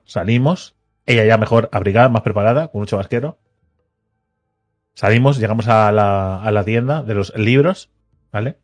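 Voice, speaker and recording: A man hosting a podcast, telling a story in casual chat, acting out the people he quotes with a teasing edge. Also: on the low side.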